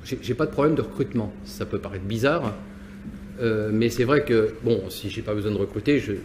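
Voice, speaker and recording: A business owner from Nantes, France, speaks fairly quickly in a lowish voice over background noise. Answering interview questions with personal reflection, he hesitates, restarts often and repeats words.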